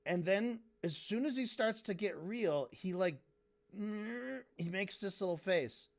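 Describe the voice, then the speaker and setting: A man's voice: sits high, lively intonation, slow, creaky. A man commentating on a stream in a casual, profane way, breaking into mocking impressions.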